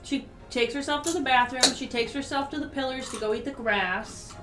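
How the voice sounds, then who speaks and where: A prim cat princess running an inn, voiced by a woman with a lightly raised pitch and a haughty, matter-of-fact lilt. She sounds roomy and set back from the mic, with faint music underneath. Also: normal speed, distant mic, close to an everyday voice.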